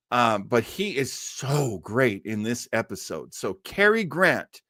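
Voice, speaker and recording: On his live web show about old-time radio, a man with a medium-pitched, fairly bright voice talks casually to the people watching. The studio-quality audio has no room sound, and his chat is eager and wandering, full of playful side comments.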